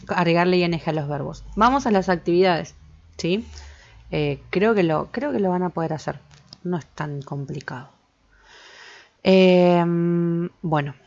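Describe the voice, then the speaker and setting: A woman's voice: on the low side, a little mellow. A woman English teacher, patiently explaining grammar and checking in with her students again and again. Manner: patient, repeats points and checks with "¿sí?". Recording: slightly dull lo-fi recording.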